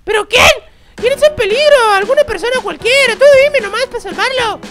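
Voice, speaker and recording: A squeaky, shrieking baby boy. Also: fairly quick, over loud music. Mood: excited. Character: excitable baby boy, shrill and dramatic. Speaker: host. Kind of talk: Minecraft role-play commentary.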